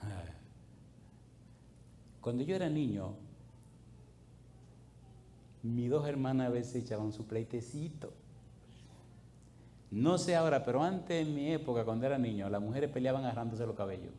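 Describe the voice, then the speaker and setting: A middle-aged male pastor preaching a sermon through lively, colloquial anecdotes, breaking into loud, high bursts. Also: normal speed, long pauses, slight background noise. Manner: animated, colloquial storyteller who swings into loud, high bursts. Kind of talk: storytelling sermon.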